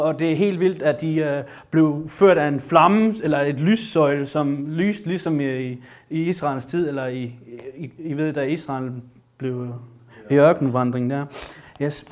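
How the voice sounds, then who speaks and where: A man's voice: fairly high pitch, darkish tone. A man giving an informal, enthusiastic sermon with a Bible reading, talking with many fillers and restarts. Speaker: preacher.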